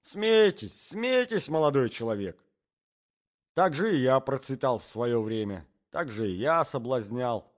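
A jealous, panicky gentleman, as a male reader puts him on who pleads and exclaims in alarm. His voice swings up and down, and the recording is muffled and lo-fi. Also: mid-range voice, lively intonation, unhurried, natural voice. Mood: agitated. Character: jealous panicky middle-aged gentleman hiding under a bed. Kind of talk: audiobook character reading.

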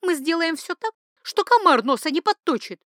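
A passionate young duchess, tearful and scheming, her voice climbing high and loud, as a woman acts her out. She sounds close and dry, as if read in a storybook. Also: lively intonation, normal speed, no echo. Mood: desperate pleading. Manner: high, breathless, pleading.

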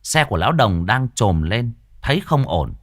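A man's voice: medium pitch, sing-song, normal speed, dry recording, clean studio sound. A man narrating a story in a vivid, earthy way.

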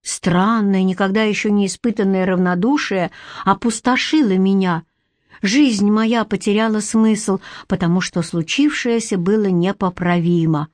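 A woman reading a story aloud as audiobook narration, at a slow, measured pace. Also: medium pitch, darkish tone, no room sound. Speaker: audiobook reader.

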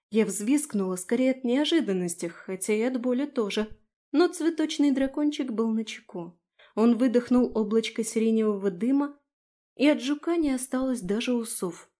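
A woman reads a first-person fantasy novel aloud with expressive, storytelling delivery. Her voice sits a little higher than most women's, yet its tone is soft and mellow. The narration flows warmly, with gentle emphasis. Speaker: audiobook narrator.

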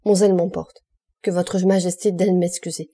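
A woman's voice: fairly low pitch, little pitch movement, normal speed, mellow, slightly rough. A woman voicing a zealous, deferential male prosecutor addressing a king in an audiobook. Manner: eager, deferential.

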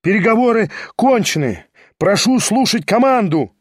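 A man voicing a stern duel second, loud and commanding. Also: high-pitched, expressive, normal speed, dry recording, studio quality, voice pushed up.

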